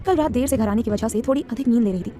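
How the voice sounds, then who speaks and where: A woman narrating an audio story in a brisk, dramatic storytelling manner. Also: fairly high pitch, mellow.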